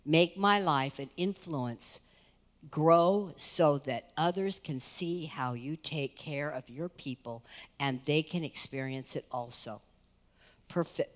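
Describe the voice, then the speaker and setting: An earnest American woman pastor with a low voice gives a sermon from a large indoor church stage, her conversational preaching marked by lively rises and soft drops in a reverberant hall.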